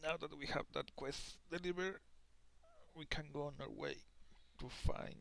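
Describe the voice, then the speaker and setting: A man's voice: a little high, fairly even intonation, unhurried, vocal fry, fairly bright tone. A young man giving casual gameplay commentary, rambling and tired, with lots of restarts and the odd curse word. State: tired, yawning. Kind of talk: casual let's play commentary.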